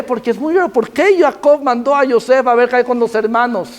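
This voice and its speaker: High-voiced rabbi giving an emphatic sermon. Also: male voice. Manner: emphatic, repeats phrases for stress. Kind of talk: Torah sermon.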